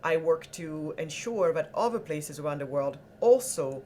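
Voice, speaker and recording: A woman from Senegal, a guest entrepreneur, telling her life story in an animated, earnest conversational way. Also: sits low, moderate pace, a little hiss or hum. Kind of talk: conversational interview.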